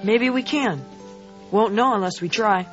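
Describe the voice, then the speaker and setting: In a slightly dull-sounding radio drama with faint music behind, a woman voices a nervous, awkward schoolboy who is popular yet self-conscious. Her mid-range, natural voice is unhurried and earnest as the character stammers.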